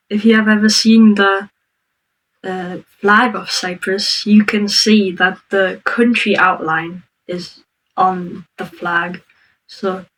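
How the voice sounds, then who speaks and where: Flat-voiced woman, far from the mic. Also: medium pitch. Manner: hesitant, full of ums, slow careful explaining. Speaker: reaction video host. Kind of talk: commenting on a played clip.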